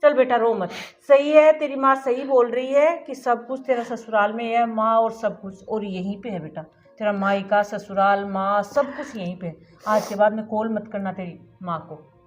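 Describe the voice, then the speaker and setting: A woman's voice: a little high, steady tone, normal speed, natural voice. A woman playing a doting mother-in-law. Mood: consoling. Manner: soothing and fussing. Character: caring, motherly middle-aged mother-in-law. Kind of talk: amateur family short-film acting. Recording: dull lo-fi audio, soft music.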